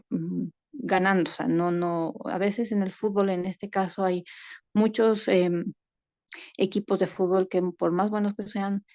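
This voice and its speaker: A woman's voice: medium pitch, mellow, no room sound, muffled recording. A woman, a mother, speaking patiently on a video call in a parents' group, explaining with frequent fillers. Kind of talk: casual conversational talk.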